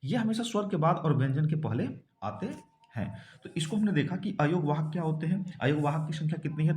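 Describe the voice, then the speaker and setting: A man with a fairly high, animated voice leads an exam-prep grammar lesson. He walks through each point step by step, asking questions and then answering them himself. The sound carries a noticeable room echo. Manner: explains step by step, asks and answers his own questions. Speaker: teacher.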